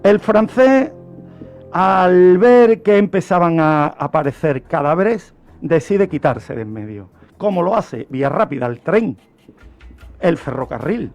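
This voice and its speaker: Speaking in a high, somewhat mellow voice at a measured pace, this animated man from Spain explains a crime story for a radio programme in an instructive style. He poses rhetorical questions as a true-crime contributor, with music running beneath him.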